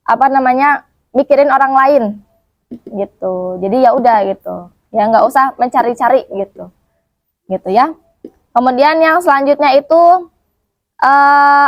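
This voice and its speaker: A woman's voice: fairly high pitch, dry recording, lo-fi sound. A young woman student teaching a casual Quran commentary lesson at a boarding school, chatty, full of fillers and rhetorical questions. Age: young adult.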